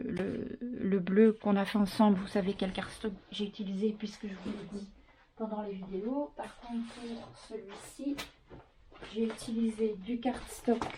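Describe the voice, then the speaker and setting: A woman's voice: medium pitch, noisy background. A woman with an accent presenting a handmade scrapbook album at home in a chatty, step-by-step craft tutorial. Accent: non-French accent. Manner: chatty, counts and explains step by step with fillers.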